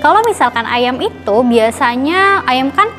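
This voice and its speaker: A woman's voice: high-pitched, expressive, measured pace, a bit bright, faint music behind. A woman telling an educational children's puppet story as the teacher, explaining things simply with repeated questions.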